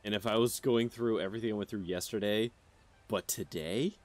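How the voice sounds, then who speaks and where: This streamer, a man in his thirties, talks loosely with his audience as he games, full of fillers and tangents. His lowish voice stays steady in tone and runs a little fast.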